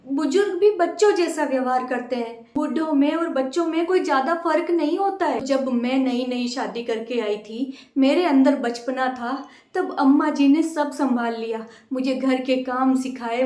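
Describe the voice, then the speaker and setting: A woman's voice: sits high, darkish tone, roomy sound. A woman playing a caring, patient middle-aged mother-in-law who reasons earnestly with her daughter-in-law. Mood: gentle.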